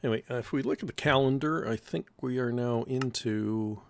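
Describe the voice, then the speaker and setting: A man's voice: mid-range voice, a little fast. A middle-aged man hosting casual let's-play commentary, rambling and thinking aloud at his desk mic with dry humor. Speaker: gaming channel host.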